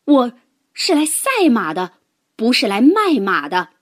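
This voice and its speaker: A woman's voice: on the high side, huge pitch swings, a little slow, voice pushed up, heavily acted. Woman voicing a young herder boy crying out. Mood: defiant. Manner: loud and earnest, crying out. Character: young herder boy, brave and loyal to his horse.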